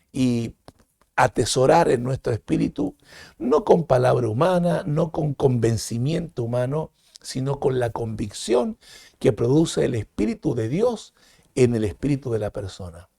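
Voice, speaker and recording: A Peruvian-accented man teaching Sunday school, calling out counts for his class to repeat after him. His voice is gravelly and warm, recorded close and dry with no room sound. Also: no echo. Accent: Peruvian Spanish. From Peru. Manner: leads repetition drills, jumps high on counts; addresses listeners as "hermanos". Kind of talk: Sunday school lesson with call-and-response.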